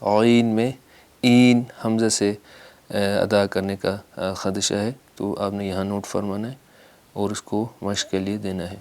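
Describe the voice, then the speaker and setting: A man teaching correct prayer pronunciation, explaining in a measured way with filler pauses and slowly drawn-out recited examples. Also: fairly low pitch, little pitch movement, darkish tone. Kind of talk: instructional lesson with slow recitation.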